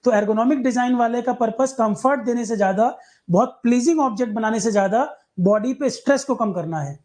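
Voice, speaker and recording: A man's voice: very high-pitched, a little fast, a little mellow. A man teaching an exam-prep lecture in Hindi, explaining points through everyday examples and talking directly to his students.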